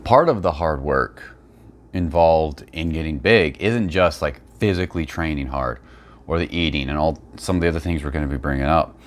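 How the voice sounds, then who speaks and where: A man's voice: very deep voice, moderate pace. A man giving blunt, opinionated, unscripted commentary and explanations as a fitness video creator.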